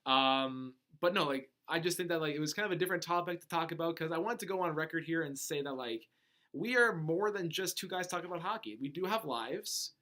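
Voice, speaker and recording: A man's voice: a little high, brisk, sharp tone. A young man co-hosting a casual podcast, rambling with lots of "like" and self-corrections. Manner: rambling, full of "like" and restarts. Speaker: podcast co-host. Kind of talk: casual chat.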